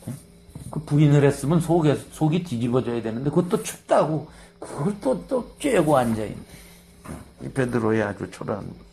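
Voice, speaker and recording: A man's voice: medium pitch, moderate pace, creaky. A man preaching a sermon, explaining scripture in a conversational way and acting out quoted lines. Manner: animated, acts out quoted lines, conversational asides. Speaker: pastor.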